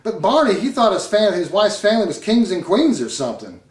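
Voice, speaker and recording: A redneck spills neighborhood gossip at a rapid clip. His voice sits a little high and comes from some distance in an echoey room. He talks in folksy, ungrammatical rambles. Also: very animated. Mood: scornful. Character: gossiping redneck man in court-ordered therapy. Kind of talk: comedic web series acting.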